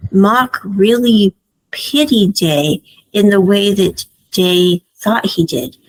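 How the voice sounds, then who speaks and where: A woman's voice: medium pitch, rough recording. A woman giving a chatty recap of a drama series, laughing often and acting out the characters' lines. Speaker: series reviewer. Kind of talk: casual recap and commentary.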